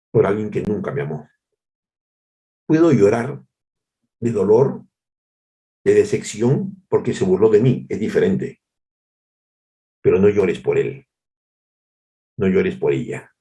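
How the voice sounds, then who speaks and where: A man's voice: fairly low pitch, warm tone. A male pastor preaching a devotional sermon, repeating phrases for emphasis and calling his listeners brothers.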